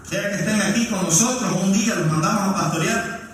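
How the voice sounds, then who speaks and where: A man's voice: sits high, brisk, fairly bright tone, recorded from a distance, a little hiss or hum. A male pastor preaching a sermon in a church, joking with the congregation as he goes. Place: church hall. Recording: echoey hall, mic from afar.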